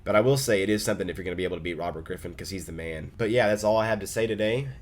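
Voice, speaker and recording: A young man from Oklahoma telling a funny story to his vlog camera in a casual, animated way, with quick asides. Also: low voice. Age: young adult. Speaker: vlogger.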